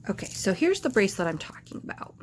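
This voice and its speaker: A woman's voice: mid-range voice, very animated, quick pace, slight background noise. A woman vlogging casually to camera, rambling and hesitant, with lots of filler words and restarts.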